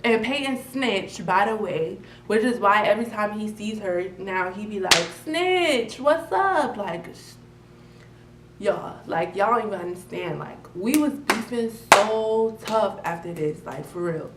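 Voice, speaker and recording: A young woman vlogger telling a story in casual, slangy chat, jumping from loud outbursts to low mutters. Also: unhurried, far from the mic. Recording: roomy, off-mic with faint noise.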